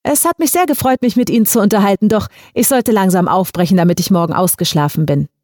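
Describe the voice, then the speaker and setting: A woman's voice: mid-range voice, fast, darkish tone, dry recording, studio quality, lightly acted. A woman voicing an impatient male executive who speaks curtly and under strain, in an audiobook story. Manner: curt and strained. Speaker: audiobook reader.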